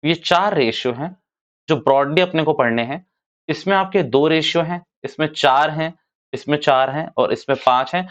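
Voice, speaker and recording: A man's voice: fairly high pitch, normal speed, fairly bright tone. A man, teaching commerce in a casual classroom lecture and repeating his points as he talks to students. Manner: chatty, addresses students as "bhaiya", repeats points. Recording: dull lo-fi sound.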